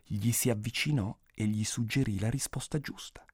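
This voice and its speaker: A man narrating a folk tale with animated, dramatic storytelling. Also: on the low side, normal speed, husky, dry recording, studio quality.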